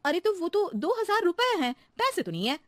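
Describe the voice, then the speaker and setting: A woman voicing a sensible, wryly teasing housewife with an expressive delivery in a comedy cartoon. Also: very high-pitched, moderate pace, no room sound, clean studio sound. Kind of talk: comic Hindi cartoon acting.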